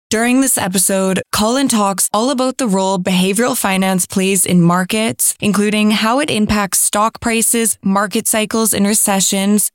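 A woman's voice: mid-range voice, dry recording, studio quality. A woman hosting a podcast, reading the episode intro and asking friendly, upbeat questions. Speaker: podcast host.

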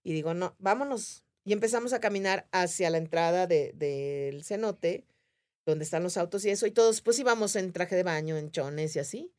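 A woman's voice: lowish voice, normal speed. A woman with a Mexican accent telling a story in casual conversation, acting out the voices of the people in it. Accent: Mexican Spanish. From Mérida, Mexico. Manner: animated, acts out voices of others in her story. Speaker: podcast guest.

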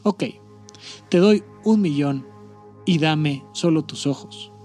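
A man's voice: on the high side, slow pace, a little mellow, soft background music. A man voicing God as blunt, casual and matter-of-fact, in a spoken story. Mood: offhand. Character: blunt, offhand male God.

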